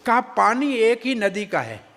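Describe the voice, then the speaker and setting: A man giving a devotional scripture discourse, telling the story with animated acting of characters and joking asides. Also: very high voice, measured pace, big-room sound.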